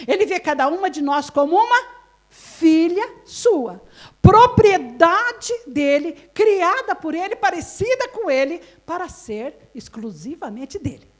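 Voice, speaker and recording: A woman's voice: very high voice, very animated, a little slow. A woman pastor with a Brazilian Portuguese accent, giving a live sermon at a women's conference. She asks the audience questions and laughs often.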